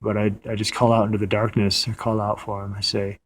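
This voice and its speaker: A man's voice: lowish voice, completely flat delivery, fast. A man recounting a dream in a casual, meandering way, often restarting his sentences, sitting in a parked car at night. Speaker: audio diarist.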